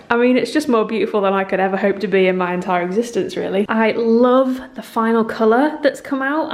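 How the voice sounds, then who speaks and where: Give me a gushing woman vlogging in an echoey, cave-like room. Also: mid-range voice. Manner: gushing, excitable, laughs often. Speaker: home vlogger. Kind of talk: casual vlog chat.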